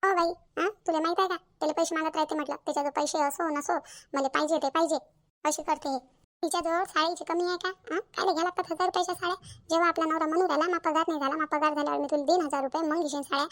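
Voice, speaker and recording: A woman's voice: high-pitched, fairly even intonation, quick pace, a bit bright, dry recording, clean studio sound. A woman voicing a grumbling older mother-in-law in a family cartoon, scolding sarcastically. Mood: complaining.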